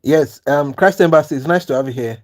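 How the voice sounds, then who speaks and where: With a voice on the high side and a fairly quick delivery, a man from Nigeria earnestly persuades viewers in the chat of his trading livestream. He speaks with a Nigerian accent and keeps repeating "you understand?"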